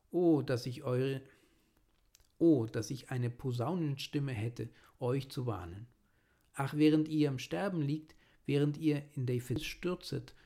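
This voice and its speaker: A man's voice: mid-range voice, dark tone. A man reading an old sermon aloud in German, earnest and pleading as he exhorts his listeners.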